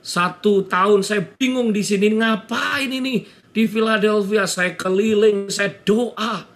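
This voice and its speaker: A man's voice: high-pitched, fairly even intonation, slow, fairly bright tone. A middle-aged man from Indonesia preaching a sermon as pastor, telling a personal testimony with emotion and addressing the congregation often. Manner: addresses congregation repeatedly, emotional storytelling, acts out dialogue.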